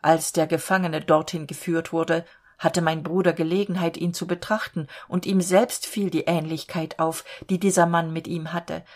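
A woman storyteller reading a fairy tale aloud in a calm, measured way. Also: on the low side.

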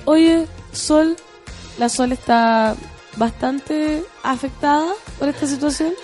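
A woman's voice: high voice, fairly even intonation, slow, darkish tone, soft background music. A Chilean woman hosting morning radio, chatting playfully and joking as she reads out listener messages. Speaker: radio host. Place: radio studio.

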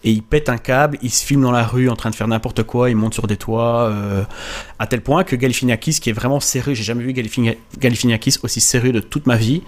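A man with a mid-pitched voice recounts a show in casual chat. He rambles, restarting sentences and hesitating often as he goes. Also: steady tone, fast talker. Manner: rambling storyteller, many fillers and restarts.

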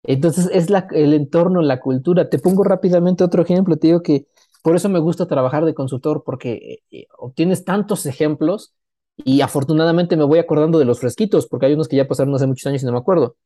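A middle-aged man, speaking a little high for a man but with a mellow, warm tone. He tells work stories in a casual podcast chat and acts out the people in them. The sound is close and dry, with no room echo. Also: quick pace. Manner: animated storyteller, acts out quoted dialogue. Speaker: business consultant, podcast guest.

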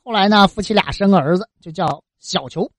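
A woman telling a folk tale in a colloquial, lively way, full of interjections and sound effects. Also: mid-range voice, a little fast, dry recording. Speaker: storyteller.

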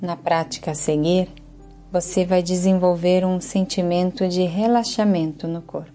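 Guiding listeners through yoga nidra, the instructor, a woman with a Brazilian Portuguese accent, keeps her fairly low voice calm, soothing, and unhurried. Soft background music accompanies her.

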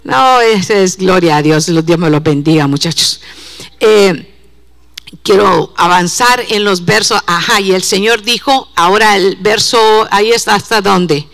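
A woman's voice: medium pitch, a bit bright. A woman preaching a sermon in church, fervent, asking the congregation rhetorical questions and repeating words as she builds. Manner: speeds up and slows down, repeats words.

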